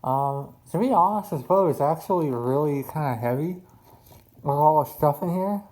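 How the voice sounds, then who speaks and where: A man's voice: a little high, animated, normal speed, darkish tone, low-quality recording. A man talking casually in a hobby vlog, his articulation thick and slurred from a swollen tongue. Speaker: RC boat hobbyist showing a build.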